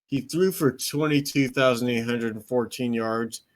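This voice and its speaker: A man's voice: medium pitch, moderate pace. A young man co-hosting a casual sports podcast, reading player stats and making dry joking asides. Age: young adult. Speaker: podcast co-host.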